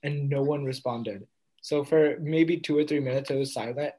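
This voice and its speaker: A man's voice: medium pitch, steady tone, moderate pace, husky, poor audio. Chatty teenage boy, trailing off. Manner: chatty, trails off and drops quieter at ends of thoughts. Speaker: podcast co-host. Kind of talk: casual chat.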